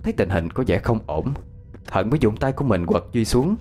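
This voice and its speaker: Animated male ghost story narrator. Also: lowish voice, fairly quick. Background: faint music.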